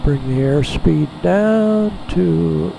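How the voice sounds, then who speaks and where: A man flying a small jet who talks through each step in a relaxed, halting way, heard over a pilot headset in the cockpit. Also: a little high, gravelly. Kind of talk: casual narration while flying. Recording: steady cockpit and engine noise.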